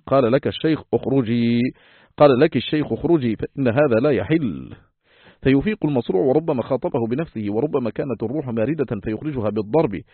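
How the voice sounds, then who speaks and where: A man reading a classical text aloud as an audiobook, in a formal, measured recitation style. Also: mid-range voice, no echo. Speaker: audiobook reader. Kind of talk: scripted narration of a classical text. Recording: tinny phone-like, dry, husky.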